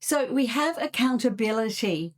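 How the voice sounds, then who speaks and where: A middle-aged woman with an Australian accent, a couples coach hosting a solo podcast, explaining her ideas in a measured, steady way. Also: on the high side. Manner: measured, explanatory, with occasional soft laughs and fillers.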